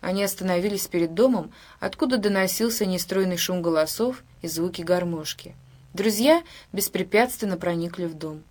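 A woman narrating a book in a measured, even storytelling manner. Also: on the low side. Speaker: audiobook reader. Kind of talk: scripted narration.

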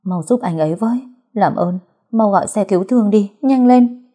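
A woman's voice: mid-range voice, lively intonation, brisk, slightly rough. A woman doing Duyên, desperate, pleading young woman. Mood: sobbing, pleading. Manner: shouts and pleads tearfully.

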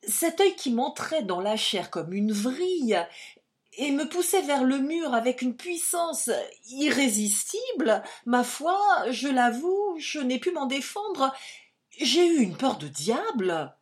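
A woman voicing a big, cowardly male informer who pleads in a loud, agitated rush in a read-aloud story. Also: high-pitched, sing-song, slow, voice pushed up, full character voice. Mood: flustered, pleading. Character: cowardly burly male informer, blustering and frightened.

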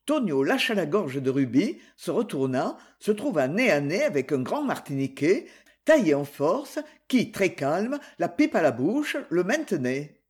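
Slow, lively audiobook narrator. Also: mid-range voice, husky. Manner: measured storytelling. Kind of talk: scripted narration.

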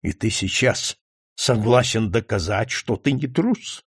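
A man voicing a calm, calculating doctor who speaks in a quiet, measured and deliberate way in an audiobook reading. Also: mid-range voice, creaky, husky, no echo, studio quality, heavily acted. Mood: cold taunting. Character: cold calculating male doctor, calm and scornful.

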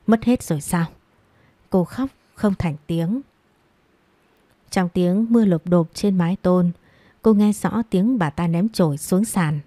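Warm, low-voiced woman narrating a story. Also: no echo. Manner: measured, dramatic storytelling. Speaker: audiobook narrator.

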